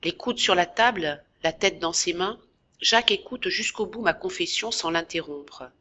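A woman narrating a classic novel in a measured, expressive audiobook reading. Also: fairly low pitch. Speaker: audiobook reader.

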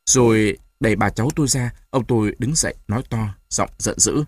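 A man narrating an audiobook in an expressive storytelling manner. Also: on the low side, brisk, husky, dry recording, studio quality.

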